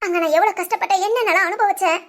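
Woman playing a wronged young bride, very high and fast. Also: fairly bright tone. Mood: earnest. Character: young woman hurt by her parents, now resolute. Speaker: storyteller. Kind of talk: acted short story.

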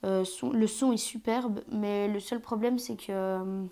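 Streamer woman, mellow tone, halting live game commentary on earphone mic, fillers and odd whispered asides. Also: mid-range voice, steady tone. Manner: hesitant, many fillers, drops to whispers at times.

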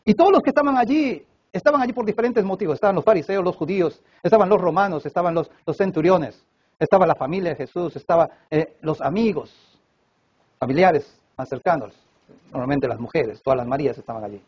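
A man preaching a sermon at a church service, swinging between loud emphatic cries and hushed low passages. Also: lively intonation, a little fast, breathy edge, dull audio. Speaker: pastor.

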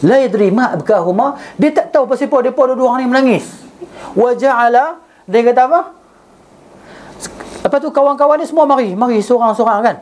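A man's voice: very high voice, a little fast, darkish tone, a little hiss or hum. A man, a religious teacher telling a story in class. He recites Arabic and then explains it, and keeps checking with his listeners.

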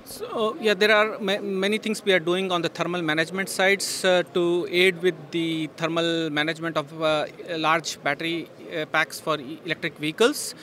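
A man's voice: fairly high pitch, flat delivery, moderate pace, few pauses, bright, forceful tone. A middle-aged man answering questions at a trade show booth, speaking with frequent fillers and restarts into a handheld mic. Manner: hesitant, many fillers and restarts. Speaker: industry guest at a trade show. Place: busy exhibition hall booth. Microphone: handheld interviewer mic. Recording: faint trade show hall noise.

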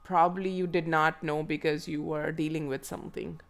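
A woman with a hoarse, froggy voice from a cold, reading tarot to viewers in an unhurried, musing way and asking herself questions aloud. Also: low voice, little pitch movement. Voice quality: froggy, croaky throat. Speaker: tarot reader and channel host. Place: indoors at a table.

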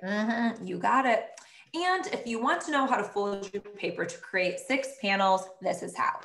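A woman teacher telling a comic story and giving instructions in a playful, animated way. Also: mid-range voice, normal speed. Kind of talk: classroom video lesson. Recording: echoey room.

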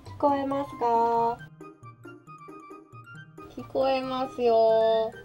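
A woman calling slowly, her voice carried through a paper-cup string telephone in a science demonstration. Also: on the high side, little pitch movement, soft background music. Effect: voice heard through a paper-cup string telephone. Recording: dull muffled sound from far off.

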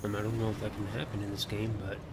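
A man livestreaming a video game, casually thinking aloud in a low-key way as he plays. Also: completely flat delivery, very fast, noisy background. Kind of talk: casual play-by-play gameplay commentary. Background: faint game music.

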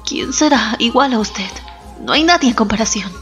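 A woman voicing a humbled, repentant male warrior who speaks humbly and pleadingly, with soft music behind. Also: fairly high pitch, expressive, moderate pace. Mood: humble. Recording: slightly dull, soft background music.

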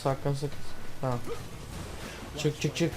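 A man from Turkey narrates his gameplay in a slightly high voice. He turns excitable and shouts in surprise. Loud gunfire and artillery from the game play behind him. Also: normal speed, background noise. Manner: excitable, swears and yells in surprise. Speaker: gamer. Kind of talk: gameplay commentary.

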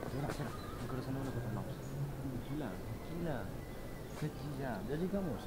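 A man's voice: medium pitch, lively intonation, a little fast, lightly acted. A young man playing an insistent, reassuring teenage boy in an amateur horror short. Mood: coaxing. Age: young adult. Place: outdoors on paths and in an empty derelict house. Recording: very noisy amateur on-location camera audio.

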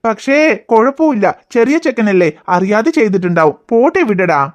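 A woman voicing a patient cartoon father who calms and reasons with small children. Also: fairly high pitch, fairly quick, lo-fi sound. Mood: soothing. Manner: soothing, reasoning, calm. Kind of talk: cartoon voice acting.

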